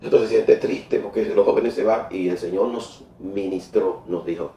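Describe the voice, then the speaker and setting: A middle-aged man telling a faith testimony in a church interview, animated and often laughing, repeating words when he gets excited. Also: low-pitched, normal speed, roomy sound, distant mic, a little hiss or hum. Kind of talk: emotional personal testimony.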